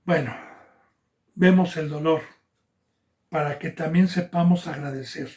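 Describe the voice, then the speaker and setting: A male pastor from Mexico preaching a Bible sermon, swelling loud when he quotes scripture and dropping almost to a whisper between. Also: fairly high pitch, fairly even intonation, unhurried.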